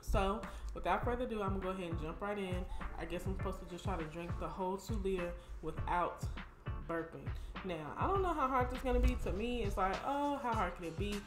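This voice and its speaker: A woman's voice: medium pitch, lively intonation, fairly quick. Woman, American accent, echoey room, music behind, chatty vlog host, slangy, mid-range voice. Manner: informal, slangy, chatty direct address. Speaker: host of a video channel. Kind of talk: casual challenge vlog addressed to viewers.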